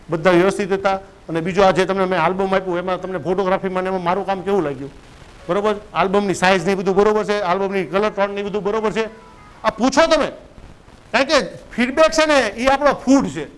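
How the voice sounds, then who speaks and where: A man gives a business coach's lecture in a conversational way, often checking in with listeners by asking "right?". His voice is high-pitched, a bit bright and clean in tone, though the audio quality is poor.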